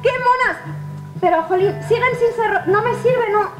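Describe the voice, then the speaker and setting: A woman's voice: very high-pitched, moderate pace. A young woman doing playful stage patter as a magician, coaxing the audience and repeating her words. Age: young adult. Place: care home common room, indoors. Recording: echoey room with music behind.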